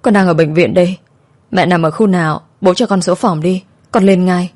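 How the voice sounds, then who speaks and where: A young daughter, anxious and choked up, presses her father for answers in a spoken story, as a woman narrator reads her. The tone is low and soft. It stays close to the reader's own voice. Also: steady tone, moderate pace, lightly acted. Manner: pleading, choked up.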